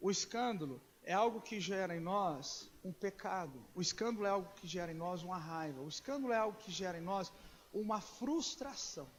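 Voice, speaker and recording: A Brazilian man preaching a sermon as pastor, telling stories with acted dialogue and swinging between hushed asides and emphatic lines. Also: high-pitched. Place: church sanctuary. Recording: long reverb of a church hall.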